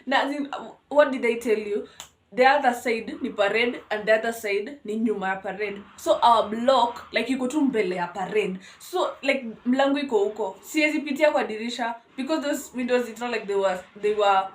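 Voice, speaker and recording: A young woman with a Kenyan accent telling a school story on her vlog in an animated, dramatic way. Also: on the high side, fairly quick, roomy sound. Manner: animated, dramatic, code-switching. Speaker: vlogger.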